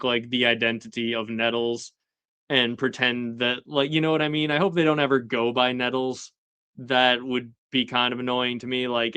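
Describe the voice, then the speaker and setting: A man's voice: mid-range voice, sharp tone, clean tone, no echo. A young man chatting casually on a live stream, recapping a TV episode and acting out quoted lines. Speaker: show host recapping a TV episode.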